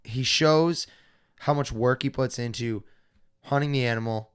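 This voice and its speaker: A man's voice: medium pitch, measured pace, smooth. A man hosting a podcast, chatting in a rambling, enthusiastic way. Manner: enthusiastic, rambling, many fillers. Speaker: podcast host. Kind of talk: casual chat.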